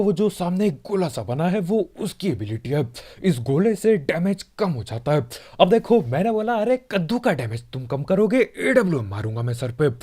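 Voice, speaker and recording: A man gives a chatty gameplay commentary, joking and speaking straight to his viewers. His voice sits a little high, swings widely in pitch and has a mellow, soft tone. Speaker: gaming channel host. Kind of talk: casual gameplay commentary voice-over.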